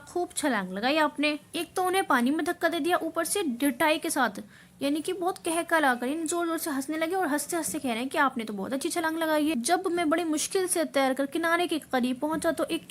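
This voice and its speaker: A woman's voice: high-pitched, fairly bright tone, a little hiss or hum. A woman teacher with an Indian Urdu accent, reading a literary passage and explaining it line by line for exam preparation. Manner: reads a passage aloud, then explains it line by line in simpler words. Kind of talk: exam-prep lecture reading and explaining a text.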